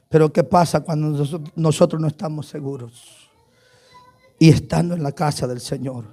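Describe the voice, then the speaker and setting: A male pastor preaching a sermon in a church, with impassioned delivery that moves between hushed passages and full shouting. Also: on the high side.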